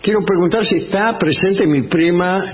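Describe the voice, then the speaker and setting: An Argentine radio host with a high voice and moderate pace reads safety advice on a comic show, his tone ironic and mock-solemn. He speaks Spanish with an Argentine accent, and the broadcast sounds phone-like.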